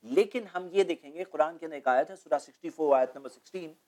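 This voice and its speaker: A man's voice: fairly high pitch, fast, darkish tone. Man lecturing in studio interview. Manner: explanatory, lecturing, poses rhetorical questions. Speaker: guest speaker on Islamic topics.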